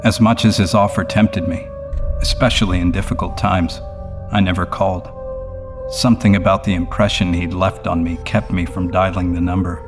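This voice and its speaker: Deep-voiced man narrating a horror story. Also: level tone, normal speed. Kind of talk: scripted first-person horror narration. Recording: prominent music behind the voice. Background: music.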